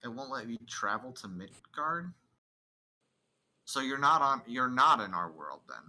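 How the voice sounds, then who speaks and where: A young man hosting a casual let's play, chatting with a friend in a rambling, quick way. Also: mid-range voice, big pitch swings, bright, forceful tone. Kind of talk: casual gaming chat.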